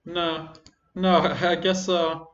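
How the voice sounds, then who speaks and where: A man narrating a tabletop game as game master in a casual, halting way with many fillers. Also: fairly high pitch, flat delivery, fairly bright tone, roomy sound, dull audio.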